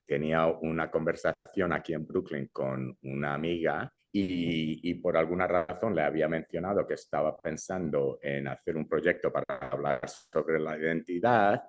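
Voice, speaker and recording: With an extremely low pitch, he speaks at a moderate pace and barely pauses. This young adult filmmaker, Brazilian by origin and Madrid-raised, is a casual interview guest who often uses English fillers and begins sentences again.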